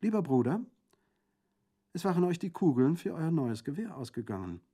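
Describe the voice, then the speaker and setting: A man's voice: fairly high pitch, big pitch swings, normal speed, warm tone, slightly rough, voice pushed up, exaggerated voice. A man reading the part of a fierce, proud young Corsican woman who speaks earnestly and insistently. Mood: gentle.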